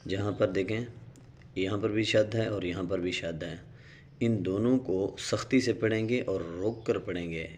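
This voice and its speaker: Low-voiced man teaching Quran reading. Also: a little mellow, slight background noise. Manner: explains rules quickly, then recites syllables slowly and drawn out. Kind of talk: Noorani Qaida reading lesson.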